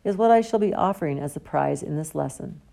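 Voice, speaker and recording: A woman's voice: low voice, expressive, fast talker, creaky, mellow. A woman voicing a genial, pompous older male potions teacher who talks theatrically.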